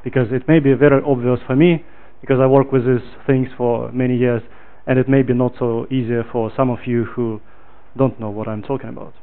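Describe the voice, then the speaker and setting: A man from Ukraine gives a relaxed technical talk at a meetup, pausing often on fillers. His voice is smooth and clear, but the audio sounds thin and phone-like. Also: mid-range voice. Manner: relaxed, filler-heavy, loud when projecting to the room. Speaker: meetup speaker.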